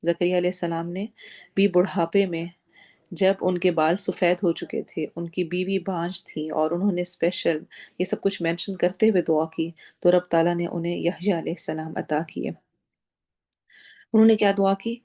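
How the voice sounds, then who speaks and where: A woman's voice: fairly low pitch, dark tone. Patient woman teaching Quran recitation. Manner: patient, explains step by step, stretches out words when demonstrating. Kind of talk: recitation lesson with explanation.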